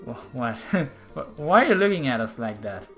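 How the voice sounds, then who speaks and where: A man's voice: medium pitch, very animated, normal speed, a bit bright, soft background music. A man voicing a feisty, hot-tempered teenage girl in a video game, snapping back indignantly.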